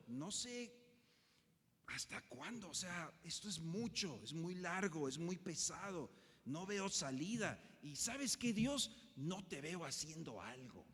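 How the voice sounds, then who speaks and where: A male pastor delivers a sermon in a fairly high voice, moving between booming emphasis and hushed, close asides. His pitch rises and falls with lively animation, and a long reverb trails each phrase through the large church. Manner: swings from loud emphatic bursts to soft, intimate asides.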